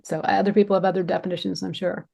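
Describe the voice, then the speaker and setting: A woman's voice: on the low side, flat delivery, fast, vocal fry, mellow. A woman hosting a webinar over a video call, talking casually with many fillers. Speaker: webinar host.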